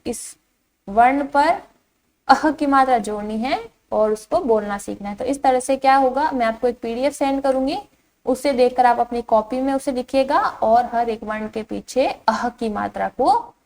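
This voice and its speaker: A woman teacher giving a patient lesson to young children, saying each syllable clearly and asking the class to repeat it. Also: on the high side, moderate pace, darkish tone. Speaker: primary school teacher. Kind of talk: slow online Hindi lesson for young children.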